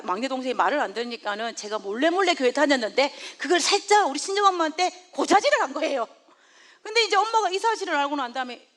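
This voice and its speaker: Brief: high-voiced woman preacher, storytelling sermon with frequent laughs. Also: a bit bright. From South Korea.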